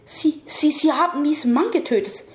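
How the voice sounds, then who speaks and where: A woman's voice: sits high, normal speed, pitched above the performer's own voice, close to an everyday voice. A woman voicing a brave, wary young female mage who stammers when startled, recorded in an echoey room.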